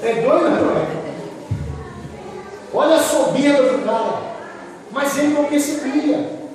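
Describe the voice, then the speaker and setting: Male preacher, high voice, fiery rhetorical sermon, miked from afar in a church hall. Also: unhurried, crowd noise. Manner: impassioned, rhetorical questions to the congregation. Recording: echoey hall, distant mic, faint noise.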